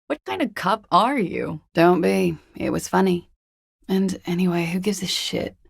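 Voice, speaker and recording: Klaasje, husky, creaky, jaded flirt. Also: female voice, fairly low pitch, a little slow, no echo, clean studio sound, heavily acted. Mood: dismissive, teasing. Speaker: video game character. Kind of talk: video game dialogue.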